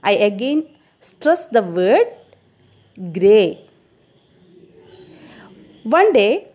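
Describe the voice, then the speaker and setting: A woman teacher talks slowly and expressively, her pitch swooping up and down as she retells a story. She stops often to put questions to her students and leans on key words for emphasis. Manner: expressive, quizzes listeners with questions.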